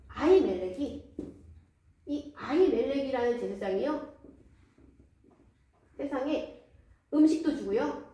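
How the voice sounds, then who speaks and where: Woman doing a tattletale servant man, bright lively voice, echoey room far from mic. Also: sits high. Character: tattling male courtier informing on someone.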